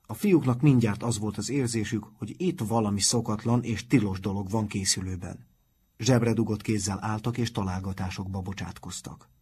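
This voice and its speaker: Low husky male storyteller. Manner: calm, measured storytelling. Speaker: narrator. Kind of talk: audiobook narration.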